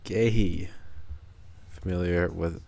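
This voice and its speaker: Man streaming a story game, deep gravelly voice, chill jokey reads, faint music behind. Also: steady tone, extremely slow. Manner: laid-back, joking, reads game text aloud. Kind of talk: casual gameplay commentary. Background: soft background music.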